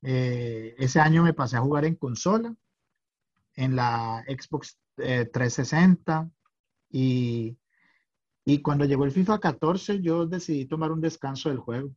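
Middle-aged man, podcast guest, halting delivery, lo-fi recording. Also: mid-range voice, darkish tone. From Colombia. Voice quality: hesitant, many fillers and restarts. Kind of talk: casual chat.

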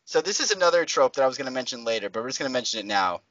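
A man co-hosting a casual podcast chat, animated and acting out shouted movie-style lines. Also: mid-range voice, racing, no room sound. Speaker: podcast co-host. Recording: slightly dull podcast audio.

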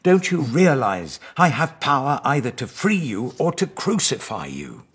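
A man's voice: mid-range voice, very animated, a little slow, fairly bright tone, slightly rough, pitched above the performer's own voice, full character voice. A man voicing a commanding but uneasy Roman governor in a dramatised scripture audiobook, emphatic and questioning. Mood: indignant.

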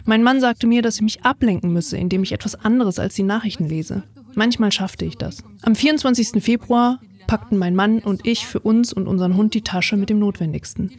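A woman in her twenties from Ukraine, calmly reading her own first-person story in a reflective voice. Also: mid-range voice, fairly quick. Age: 20s. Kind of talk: read first-person testimony.

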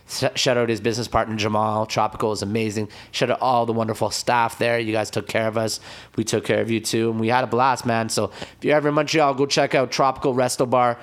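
A man with a hoarse, raspy throat, chatting casually as a DJ guest and giving hyped, slangy shout-outs. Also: on the low side. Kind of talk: casual podcast chat.

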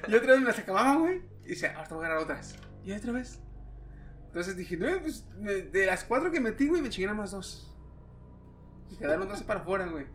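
A man's voice: high voice, very animated, quick pace, a bit bright, soft background music. A man with a Mexican Spanish accent chatting casually, slangy and swearing a lot as he tells stories, putting on other people's voices. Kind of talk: casual chat.

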